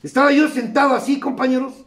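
A man's voice: very high-pitched, flat delivery, quick pace, a bit bright, reverberant. A man with a Mexican accent giving a raw, profane, storytelling testimony at a recovery meeting. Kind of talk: emotional testimony.

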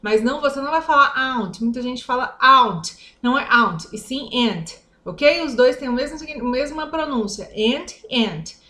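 A Brazilian woman teaching English vocabulary in an upbeat, chatty way, slowing down to repeat each English word. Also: high-pitched, pushed and bright, roomy sound. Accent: Brazilian Portuguese. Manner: upbeat, chatty, slows down to drill English words. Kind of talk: online vocabulary lesson.

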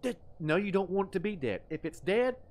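A man hosting a live horror-game stream, joking loudly, reading in-game notes aloud and mock-crying into a desk microphone. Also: high-pitched, expressive, normal speed. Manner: jokey, reads in-game notes aloud, yells and mock-cries. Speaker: livestream host playing horror games. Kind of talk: casual live gameplay commentary.

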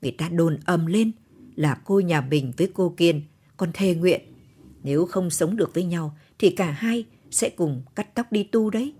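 A woman's voice: fairly low pitch, dark tone, slightly rough. A woman voicing a cheeky young grandson, teasing and gossiping in an audio storybook. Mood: mocking.

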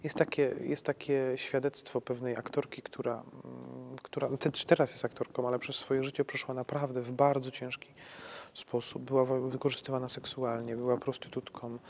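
Man, priest, halting speech, many restarts, faint background hiss. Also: mid-range voice, level tone, creaky. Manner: conversational, halting restarts, frequent tag "nie?". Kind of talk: answering questions on faith.

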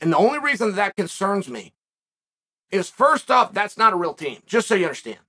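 Male host, high tense voice, emphatic opinion rant. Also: very animated, a little fast, bright, forceful tone, husky. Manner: emphatic, ranting, repeats phrases for effect. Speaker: podcast host. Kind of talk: opinion commentary.

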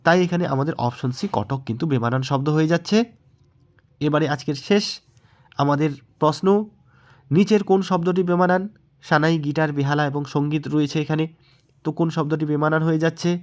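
A man's voice: a little high, steady tone, brisk, long pauses, a little mellow. Bengali man teaching a mock test. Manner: patient, asks then answers own questions. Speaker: exam prep teacher. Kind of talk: explaining mock test answers.

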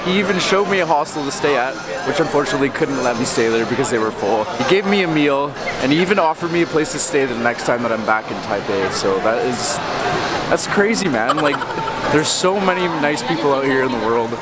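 A young man in his twenties talking excitedly to a handheld camera on city streets at night, laughing at himself. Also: mid-range voice, brisk. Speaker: travel vlogger. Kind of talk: casual travel vlog. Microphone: handheld camera at arm's length. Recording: loud city street noise. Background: loud street noise.

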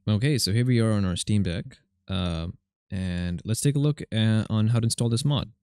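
Male gaming tech host, informal and chatty, gravelly edge, very dry close-miked sound. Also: lowish voice, normal speed, darkish tone, no room sound. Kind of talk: casual gameplay commentary and tutorial.

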